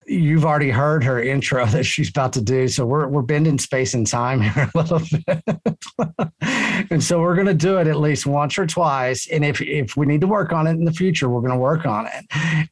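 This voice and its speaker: A man's voice: on the high side, no room sound. A man with a Texan accent hosting a casual podcast chat, rambling and repeating words as he talks. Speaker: podcast host.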